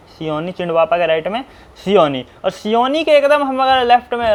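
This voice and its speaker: A man with a high voice teaches like a tutor. He spells every name out slowly, one letter at a time. He often asks a quick question and then answers it himself. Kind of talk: map-drawing tutorial.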